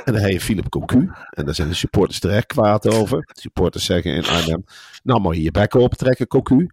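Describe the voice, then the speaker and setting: A man's voice: lively intonation, fairly quick, slight background noise. A man co-hosting a podcast, ranting and mocking in comic banter. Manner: ranting, mocking, swings into loud high-pitched outbursts. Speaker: podcast co-host.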